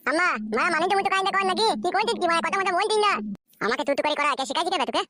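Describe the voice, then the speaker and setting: A woman's voice: extremely high pitch, very fast, no room sound. A woman voicing a foul-mouthed cartoon boy. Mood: defiant. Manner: shouting, rude.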